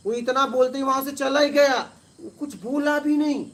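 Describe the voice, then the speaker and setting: A man, a spiritual teacher, telling stories to listeners and acting out quarrels in a rising, forceful voice. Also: extremely high pitch, fairly even intonation, moderate pace. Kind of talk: storytelling talk to listeners.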